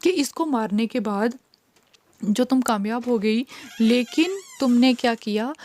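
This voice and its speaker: A woman teacher explaining a poem line by line, reading English verse slowly and then explaining it in Hindi. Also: fairly high pitch, darkish tone. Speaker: literature teacher.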